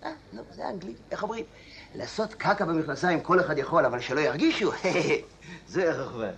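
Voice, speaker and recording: A man's voice: on the high side, lively intonation, gravelly, a bit bright, slight background noise. A man playing a chatty old man in a comedy sketch, grumbling and drifting off into nostalgic tangents. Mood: boastful rambling. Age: older.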